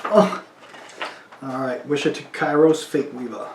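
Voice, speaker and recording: A man's voice: mid-range voice, steady tone, unhurried, reverberant, a little hiss or hum. A man playing a tabletop wargame, counting dice aloud and talking casually to viewers as he plays. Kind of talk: casual play-by-play of a tabletop battle.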